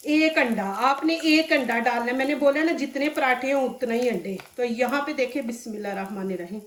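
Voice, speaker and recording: A woman hosting a home cooking show gives a chatty, step-by-step lesson, her voice a touch high and strained by a sore, dry throat. She stands back from the mic, so her voice sounds distant. The kitchen around her is echoey. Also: moderate pace, a little hiss or hum. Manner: chatty and instructive, often says "see this". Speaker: cooking channel host.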